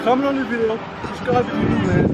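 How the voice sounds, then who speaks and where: A man's voice: extremely high pitch, fast talker, muffled recording, heavy background noise. A young man hosting playful, teasing outdoor street interviews, asking cheeky questions in slangy casual talk with a handheld mic. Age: young adult.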